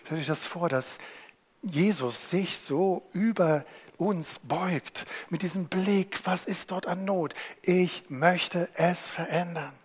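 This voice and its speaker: A man preaching a sermon, swinging between hushed and loud as he retells scripture. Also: sits high, takes it slowly, husky.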